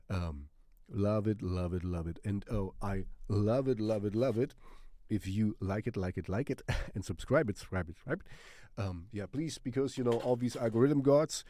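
Speaking in a fairly low, mellow voice, a German-accented man who has a cold hosts a music channel and meanders through a laid-back recommendation. He laughs often, swears casually and fills gaps with fillers. Clean studio sound, no echo.

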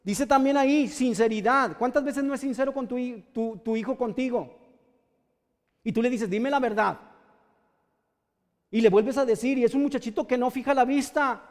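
A man's voice: extremely high pitch, brisk, big-room sound. A man with a Mexican accent preaching a sermon, scolding and questioning his listeners directly. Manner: addresses listeners directly with pointed rhetorical questions.

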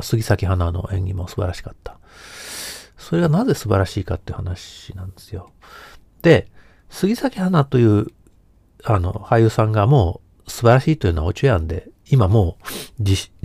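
A man's voice: fairly low pitch, vocal fry, mellow, dry recording. A man hosting a casual solo podcast who talks in a meandering way, hesitating often and correcting himself. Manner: meandering, self-correcting talk with many hesitations. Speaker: podcast host.

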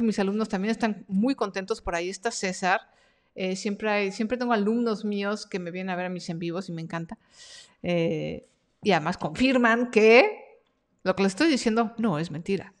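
A woman with a medium-pitched voice briskly hosts a live stream Q&A about her freelance workshop. She reads viewer comments aloud in a chatty, encouraging manner.

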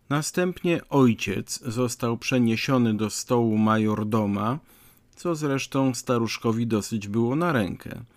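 A man narrating an audiobook in a measured, wryly ironic way. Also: medium pitch, no room sound.

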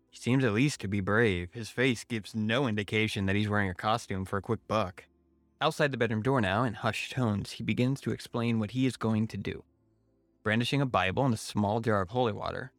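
A man's voice: on the low side, dry recording. Dry, close-sounding man narrating horror. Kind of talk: scripted first-person horror narration.

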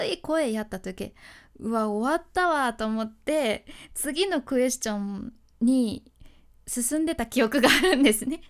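A woman hosting a casual solo talk on speaking tips, speaking with a Kyushu dialect, chatty, laughing often and mixing polite speech with dialect. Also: sits high. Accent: Kyushu dialect (Hakata-ben). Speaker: freelance announcer, podcast host.

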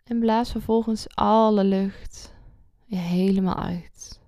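A woman leading a guided meditation slowly and soothingly, close to the ear, her soft voice sinking into a breathy whisper at phrase ends. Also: mid-range voice, fairly even intonation, no echo. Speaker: podcast host.

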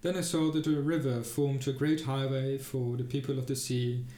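A man narrating a fairy tale in a steady, even storytelling manner. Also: mid-range voice, moderate pace. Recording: roomy, echoey room.

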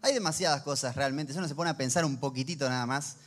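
A man's voice: medium pitch, quick pace, a bit bright. A man, preaching a sermon in a conversational, humorous storytelling manner. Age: 30s. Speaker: pastor.

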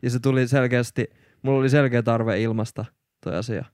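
A man's voice: medium pitch, fairly even intonation, darkish tone, no room sound, studio quality. A man co-hosting a podcast, talking about his music in an earnest, reflective way. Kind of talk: casual chat.

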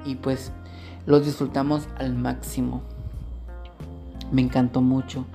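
A man's voice: mid-range voice, level tone, slow pace, vocal fry, mellow, faint music behind. A man co-hosting a podcast, reading a listener's story aloud in a frank, chatty and playful way. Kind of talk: casual chat and reading aloud.

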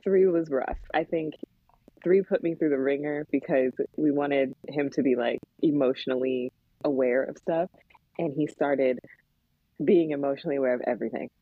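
A woman's voice: rumbling low, fairly even intonation, moderate pace, husky, dry recording. A woman guest in a casual chat, blunt and exasperated, mimicking voices, heard over a tinny phone-like line.

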